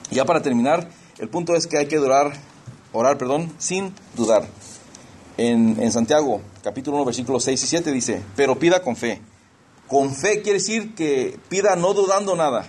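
A man's voice: mid-range voice, moderate pace, a little mellow, breathy edge. A middle-aged man preaching a sermon in a conversational way, slipping into English phrases and often restarting his sentences. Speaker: pastor.

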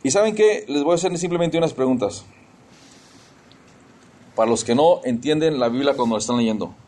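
A man's voice: mid-range voice, animated, a little fast, warm tone. A man preaching an informal sermon, talking conversationally, asking his listeners questions, stumbling and restarting, and tossing in English exclamations. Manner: conversational, addresses listeners as brothers, asks questions.

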